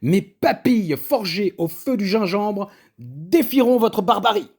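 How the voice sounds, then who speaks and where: A man's voice: fairly high pitch, big pitch swings, slow, breathy edge, heavily acted. A man voicing a bubbly, mocking, flamboyant eccentric vegan woman in a storybook reading. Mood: teasing. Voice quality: bubbly, sparkling voice. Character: fizzy eccentric vegan woman, teasing and theatrical.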